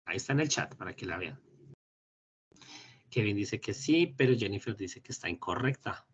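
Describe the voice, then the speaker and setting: Husky man teaching English online. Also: fairly low pitch, lively intonation. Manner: explains in Spanish, models English phrases slowly. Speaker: English instructor. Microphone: computer mic on a video call. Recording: dull lo-fi meeting recording.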